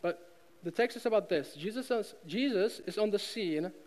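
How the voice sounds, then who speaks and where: Delivering a sermon in a hall with long reverb, a Czech man with a Czech accent leans on emphatic repetition and rhetorical questions. His voice is high-pitched and darkish in tone, with lively intonation at a moderate pace.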